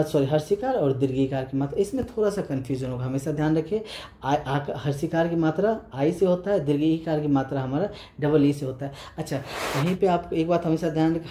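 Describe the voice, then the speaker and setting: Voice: mid-range voice, warm tone, a little hiss or hum. A teacher explaining a lesson patiently. They repeat points, check in often with the class, and hesitate and restart a lot. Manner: patient, repetitive, checks in with "right?"; hesitant with many fillers and restarts.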